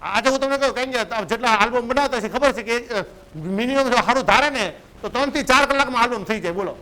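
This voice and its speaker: High-voiced man coaching. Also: fast talker, pushed and bright, low-quality recording. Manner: conversational, keeps asking "right?" to check in. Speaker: photography business coach. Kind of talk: motivational business lecture.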